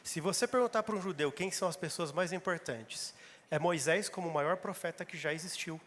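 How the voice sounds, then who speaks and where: Pastor, male, fairly high voice, emphatic repeating sermon, reverberant church hall. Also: brisk, fairly bright tone. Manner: emphatic, repeats phrases for stress.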